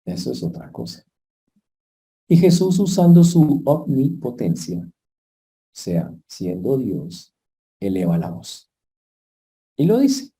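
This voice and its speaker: Preacher guy telling a bible story, goes loud then soft, super dark warm voice. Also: mid-range voice, slow pace, long pauses. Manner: animated storytelling, sudden loud peaks and soft asides. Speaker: pastor. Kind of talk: sermon.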